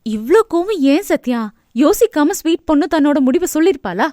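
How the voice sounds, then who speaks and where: A cheerful, affectionate wife who coaxes and gently scolds in a raised, bright voice, as a woman reads her. The audiobook sound is close and dry. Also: high-pitched, lively intonation, a little fast, dry recording, voice pushed up. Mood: coaxing.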